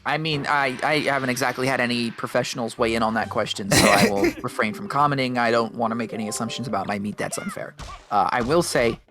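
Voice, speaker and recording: A man streaming a video game and chatting casually, rambling and joking and quick to laugh. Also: mid-range voice, over music.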